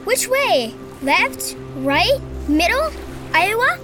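An eager young boy adventurer in an audio drama. The voice is high and animated, earnest and excitable, with unhurried phrasing. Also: over music, exaggerated voice.

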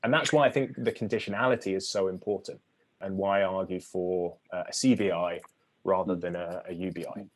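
A man, an author being interviewed, explaining his ideas in a measured way with frequent restarts. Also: sits low, steady tone. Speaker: author guest.

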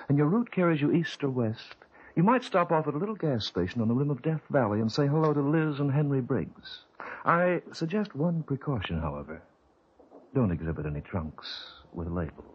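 A man's voice: mid-range voice, very animated, husky. Father Time, wry narrator. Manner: measured, ominous storytelling. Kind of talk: 1940s radio narration. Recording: dull old radio broadcast.

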